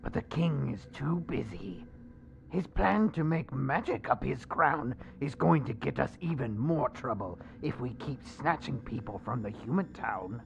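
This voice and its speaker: A man voicing a zealous kobold cult preacher in a tabletop game, creaky and solemn, preaching slowly and theatrically to his acolytes. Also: mid-range voice, expressive, dull audio. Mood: bitter. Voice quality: creaky, gravelly. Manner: solemn, slow, theatrical sermon delivery. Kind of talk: in-character tabletop game monologue.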